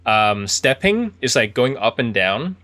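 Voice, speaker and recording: A man's voice: medium pitch, very animated, measured pace, bright, forceful tone, no room sound. A man giving casual video game commentary, thinking aloud in a chatty, easily impressed way. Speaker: video game streamer playing an indie horror game.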